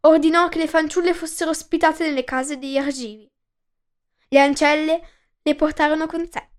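A woman with a high voice narrates an ancient myth. Her reading is steady and measured, paced like a storybook.

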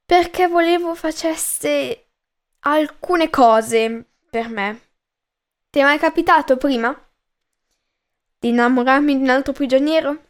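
A woman's voice: high-pitched, unhurried, long pauses. A woman reading a story aloud and voicing a manipulative, unhinged young woman who kidnaps people, coy in manner with mad laughter. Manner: coy then menacing, laughs madly.

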